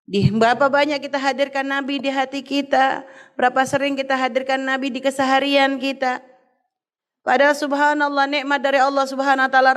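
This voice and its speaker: A middle-aged woman preacher tells a story in a sermon, expressive and gently addressing her listeners as children. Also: high voice.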